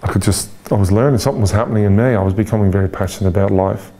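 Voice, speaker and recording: The speaker, an Irishman in his forties appearing as an interview guest, is open and reflective, frequently pausing, adding fillers and restarting. He has a lowish, mellow voice with a steady tone.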